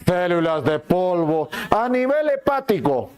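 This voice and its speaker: A male anatomy teacher giving a lively classroom lecture, asking questions and answering them himself, sometimes voicing the students. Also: high voice, unhurried, clear, resonant tone. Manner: asks and answers his own questions, plays the students' lines too.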